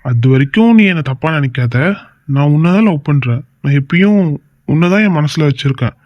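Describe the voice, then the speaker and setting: A woman voicing an affectionate young husband in a cartoon, who coaxes and gently teases his wife. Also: deep voice, expressive, a little fast, no room sound, highs cut off. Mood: coaxing, reassuring. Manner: coaxing and gently teasing. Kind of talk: amateur cartoon voice acting.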